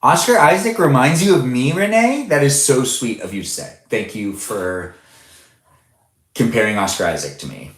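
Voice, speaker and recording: A man's voice: mid-range voice, lively intonation, moderate pace. Chatty young man in an echoey room. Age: 20s. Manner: chatty, reads viewer names aloud, laughs often. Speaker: livestream host. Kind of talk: casual live-stream chat reading comments.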